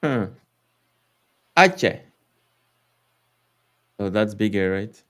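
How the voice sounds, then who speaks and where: Livestream host, French-accented man, lowish voice, rambling and casual. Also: sing-song, very slow, a bit bright. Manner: rambling, filler-heavy, swears, laughs often.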